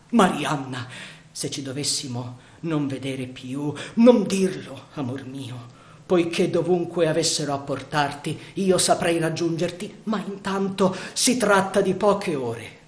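A man's voice: on the high side, measured pace, close to an everyday voice. A man voicing a bold, passionate pirate chief in an audiobook reading, ardent and declamatory. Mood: tender. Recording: roomy echo.

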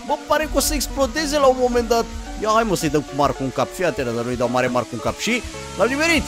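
High-voiced and excitable, this young man narrates gameplay for his YouTube audience, talking right to them as game music plays. He alternates between hushed murmuring and sudden yelps.

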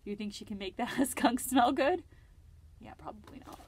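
A woman librarian reading a picture book aloud to children, gently asking them questions and laughing often. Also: on the high side, normal speed, husky. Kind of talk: storytime read-aloud for children.

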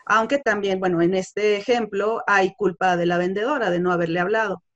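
A woman's voice: medium pitch, fairly even intonation, fairly quick, highs cut off. A woman giving a sales training course, explaining step by step with fillers like "este" and "pues". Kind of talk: course presentation on customer service.

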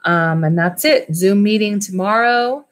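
A school library teacher in her thirties speaks in a mid-range voice, a little slowly, as she reads a storybook aloud and talks casually with children. She's at home in a small room with wood-panelled walls, using a webcam or laptop mic at arm's length.

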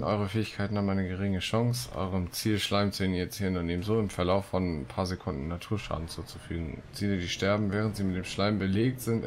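A gaming video host with a low, darkish voice gives casual let's play commentary, reading quest text aloud and adding playful colloquial asides. There is slight background noise.

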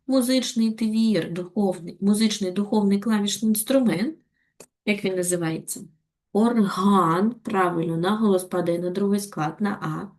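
A woman with a Ukrainian accent giving a recorded lesson to young schoolchildren, explaining patiently and clearly. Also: medium pitch, moderate pace, a little mellow. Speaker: primary school teacher. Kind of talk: recorded video lesson for children.

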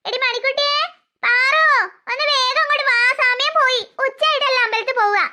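A woman's voice: extremely high pitch, a little fast, pushed and bright, full character voice. A woman voicing a vain young woman in a cartoon story, who admires herself and whines when things go wrong. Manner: dreamy, self-admiring, then whiny.

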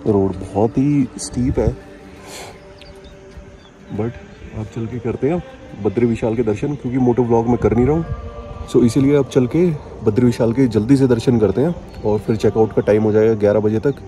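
Soft music plays behind a man whose warm, mid-range voice moves at normal speed as he chats keenly with viewers about his mountain travels outdoors. He's a travel vlogger who blends English words into his casual speech, with vehicle sounds and outdoor noise in the recording.

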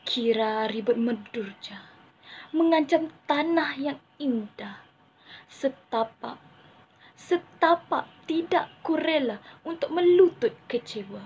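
Young malaysian woman doing super dramatic stagey poem recital, slow n drawn out, muffled audio w background noise. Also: high-pitched, lively intonation, a little mellow. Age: young adult. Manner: dramatic, stagey delivery with big swells and drawn-out phrases. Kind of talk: theatrical poetry declamation. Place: small room indoors. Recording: dull lo-fi phone audio, clear background noise.

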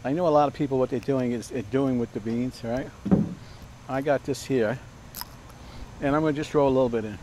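Heavy background noise surrounds this cooking show host, an older man demonstrating food outdoors beside a backyard fence on a lapel mic. He speaks at a medium pitch, fairly quickly but with long pauses, rambling casually through lots of fillers and restarts.

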